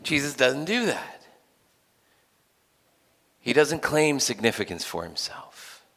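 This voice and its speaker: A man giving a sermon in a conversational way, moving between animated questions and quiet, hushed points. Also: mid-range voice, slow, long reverb tail. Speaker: preacher.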